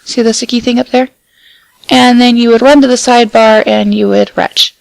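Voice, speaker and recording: Chatty gravelly woman gaming. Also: on the high side, fairly even intonation, normal speed, no echo, rough recording. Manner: chatty, playful, self-mocking. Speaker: gaming channel co-host. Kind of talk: casual gameplay commentary.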